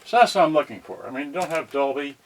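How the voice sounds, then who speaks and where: Unboxing cassette radios at home, this livestream host chats off the cuff in a cramped indoor space, folksy and all over the place, with frequent muttered asides. He talks fast, in a slightly high voice with big pitch swings.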